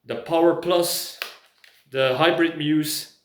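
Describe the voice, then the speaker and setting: A prepper video host from Belgium, a man whose first language isn't English, gives a casual product review in English while hesitantly searching for words. His voice sits on the high side with a steady tone, and he takes it slowly. The recording was made in an echoey room and carries a little hiss or hum.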